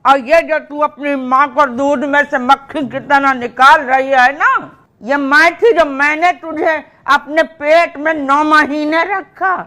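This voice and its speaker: A woman's voice: high-pitched, takes it slowly, sharp tone. An older woman with an old plays a scolding mother in a comedy drama, tossing out proverbs as she talks. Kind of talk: scripted comedy drama dialogue.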